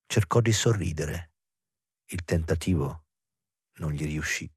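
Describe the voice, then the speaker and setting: A man reading a literary novel aloud as an audiobook narrator, measured and expressive. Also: deep voice, slightly rough, dry recording, clean studio sound. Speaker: audiobook reader.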